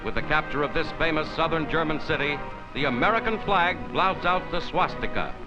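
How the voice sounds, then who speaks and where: A man's voice: fairly high pitch, a little fast. A man narrating in a dramatic 1940s newsreel style with an emphatic, rousing announcer delivery, heard as old newsreel sound. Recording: muffled 1940s newsreel recording with loud music.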